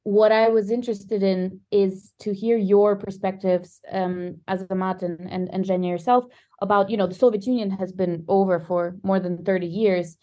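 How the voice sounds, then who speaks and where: A woman's voice: medium pitch, level tone, normal speed, few pauses, dark tone. A woman hosting a podcast who asks long, curious questions and repeats words as she frames them. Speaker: podcast host. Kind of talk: interview questions.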